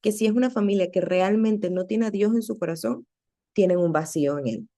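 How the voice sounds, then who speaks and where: A woman giving an earnest, conversational devotional talk to other women, often checking in with quick rhetorical questions. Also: mid-range voice, warm tone. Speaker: women's ministry teacher.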